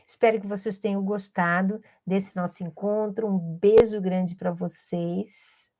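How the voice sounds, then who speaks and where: A woman's voice: medium pitch, steady tone, unhurried, mellow. A woman educator, patiently explaining a teaching method to camera and modelling speech sounds aloud.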